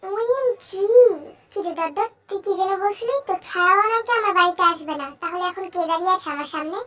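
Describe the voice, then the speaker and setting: A woman's voice: very high-pitched, a little fast, bright, forceful tone. A woman voicing a coarse young man who begs a friend for help and then mutters threats. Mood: worried. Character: crude, scheming young man.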